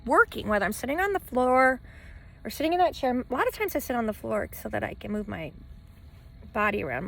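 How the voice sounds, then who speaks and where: A van-dwelling travel vlogger talks to the camera and her dog in a rambling personal vlog, halting and repeating phrases for emphasis. Her voice is on the high side, creaky, pushed and bright, with slight background noise and a faint ocean wash behind her.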